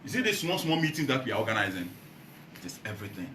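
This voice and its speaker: A man with a Ghanaian accent giving a rousing political speech to a meeting, swinging from loud calls to low earnest tones. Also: sing-song, rapid-fire, reverberant, a little hiss or hum. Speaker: party founder addressing a meeting.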